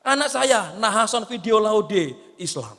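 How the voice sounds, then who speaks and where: A male pastor preaches in a high, bright voice. He moves between loud, lively exclamations and soft, low asides. His voice carries the long reverb of a large church hall. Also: a little slow. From Indonesia. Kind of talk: sermon.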